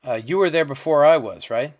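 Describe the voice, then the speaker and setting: A man with a fairly high-pitched voice hosts a podcast interview, speaking fairly quickly. He asks friendly, conversational questions and checks facts as he goes.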